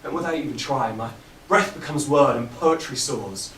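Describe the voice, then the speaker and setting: A man's voice: mid-range voice, normal speed, a bit bright, a little hiss or hum, natural voice. A man playing Charles, a dreamy romantic poet son. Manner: earnest, lofty, flowery. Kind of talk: amateur stage farce acting. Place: theatre stage. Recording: echoey stage recording from far off.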